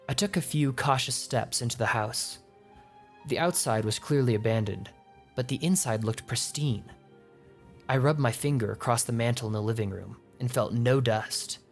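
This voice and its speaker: Man narrating a horror story. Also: mid-range voice. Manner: tense, measured storytelling. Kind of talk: scripted first-person narration. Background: faint music.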